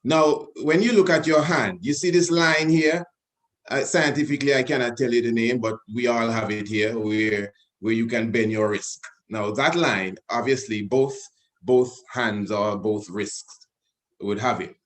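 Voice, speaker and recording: A man speaking on a video-call webinar, leading the audience through an exercise in an animated, commanding way and repeating himself for emphasis. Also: medium pitch, measured pace. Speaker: webinar panelist.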